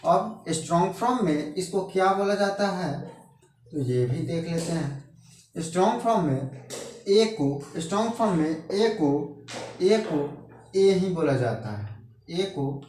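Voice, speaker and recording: A man teaching an English grammar lesson in Hindi, speaking slowly and repeating each point, asking questions and then answering them himself. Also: fairly high pitch, lively intonation, a little mellow, far from the mic. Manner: slow, repetitive, asks rhetorical questions and answers them. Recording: echoey room, voice off-mic with faint noise.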